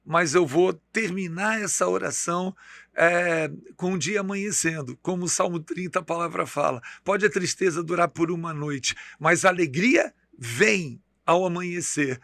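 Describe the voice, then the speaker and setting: A middle-aged man with a Brazilian accent preaches on a church podcast, his voice high and bright with a gravelly fry. He speaks emphatically, quoting scripture. The sound is close and dry. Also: moderate pace, dry recording. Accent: Brazilian Portuguese. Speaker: bishop and podcast host.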